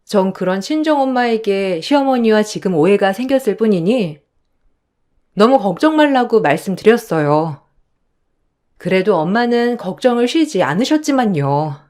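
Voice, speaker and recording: A woman narrating a story calmly and softly. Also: medium pitch, moderate pace.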